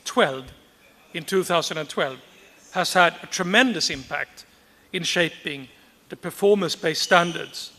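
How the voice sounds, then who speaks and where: Male conference speaker, formal prepared speech, measured and emphatic, bright tone, long reverb on the voice. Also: fairly high pitch. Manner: measured, deliberate, repeats key phrases for emphasis.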